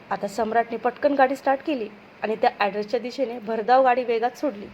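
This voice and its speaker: A woman with a Marathi accent reading a romance story aloud in an expressive, dramatic way. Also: on the high side, highs cut off, a little hiss or hum.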